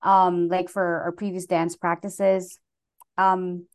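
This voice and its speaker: With a lowish voice and a slow pace, a young Filipina talks casually as a guest in an interview. Her speech is relaxed and heavy with "like" fillers, broken up by laughs between phrases.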